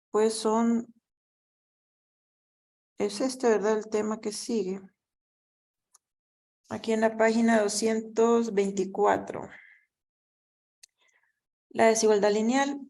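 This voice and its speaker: Fairly high yet gravelly and a little mellow, her voice carries a patient, step-by-step math lesson captured as a class lecture recording. She often checks in with students by asking "¿verdad?".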